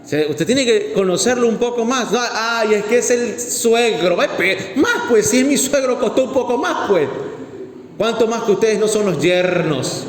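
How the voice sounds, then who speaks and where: A man preaching a sermon to his church, lively and acting out the voices he quotes. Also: high-pitched, moderate pace. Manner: animated, acts out quoted voices, talks to the congregation. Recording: echoey hall, faint ambience.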